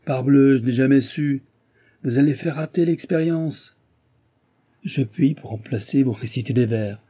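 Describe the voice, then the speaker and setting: A man voicing a joking, quick-witted young male fiancé in an audiobook, in a playful, teasing tone. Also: mid-range voice, dark tone, voice pushed up, lightly acted.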